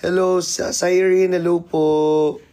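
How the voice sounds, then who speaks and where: A man's voice: sits high, flat delivery, slow, dark tone. A man hosting a casual live stream, greeting viewers by name and teasing them playfully. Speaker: livestreamer.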